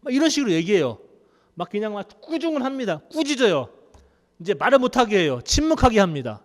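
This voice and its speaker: A male pastor preaching in a church, his high voice leaping up and down as he tells the story like a conversation. The sanctuary adds a long reverb tail to every phrase. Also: quick pace. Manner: conversational, animated storytelling with laughs. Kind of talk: sermon.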